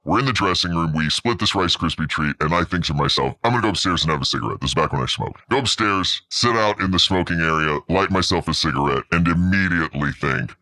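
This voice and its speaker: Man with a disguised, very deep voice. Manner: relaxed, joking, quick to laugh. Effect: voice disguised, pitched down deep. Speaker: anonymous guest. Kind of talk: casual anecdote storytelling.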